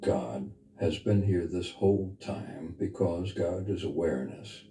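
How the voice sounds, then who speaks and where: A man with a very dark, low voice guides a meditation as a spiritual teacher, his instruction soft, unhurried, intimate, and earnest. His voice is reverberant over background music.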